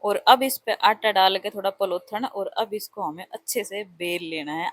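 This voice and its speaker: A woman's voice: medium pitch, slightly rough. A middle-aged woman running a parlour and raising her son, chatting casually and with self-mocking humour over her cooking vlog. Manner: chatty, self-mocking, talks directly to viewers. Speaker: vlogger, parlour owner and mother.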